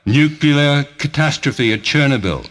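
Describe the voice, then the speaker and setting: A man's voice: a little high, expressive, a little slow, a bit bright. A man as a theatrical, foreboding stage orator. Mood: grim, urgent. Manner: hammy stage-actor delivery, theatrical, declamatory. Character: Charles Dickens as theatrical, foreboding, grandly lamenting orator. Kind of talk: dramatized monologue in audio story.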